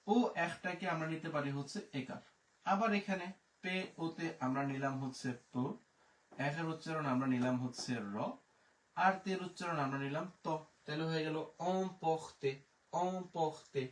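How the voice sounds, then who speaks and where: A man teaching French pronunciation in a live online lesson, spelling words out letter by letter and repeating each word slowly. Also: a little high. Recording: echoey room, distant mic.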